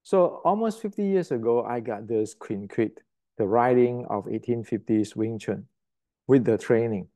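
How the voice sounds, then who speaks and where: Here the same kind of speaker, an older man from Indonesia, has a dark-toned, mid-range voice and a moderate pace. Lecturing on martial arts straight to camera, he is blunt and emphatic, often repeating words as he hunts for them.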